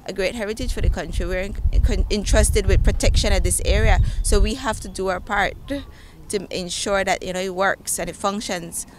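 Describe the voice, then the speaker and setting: Female interviewee, 30s, mid pitch. Measured, halting explanations, outdoor mic with faint noise. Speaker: marine reserve manager being interviewed. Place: outdoors by open water. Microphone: handheld interview microphone.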